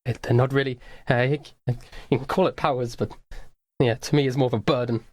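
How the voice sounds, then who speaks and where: A man's voice: mid-range voice, steady tone, brisk, a little mellow, no room sound, lightly acted. A man voicing a guarded young woman with a cursed power, speaking hesitantly in a tabletop game. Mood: flustered.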